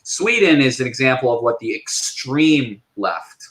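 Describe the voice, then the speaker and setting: Bright-voiced man, animated, filler-heavy talk. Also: medium pitch, a little slow, poor audio. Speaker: interview guest. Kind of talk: casual panel discussion.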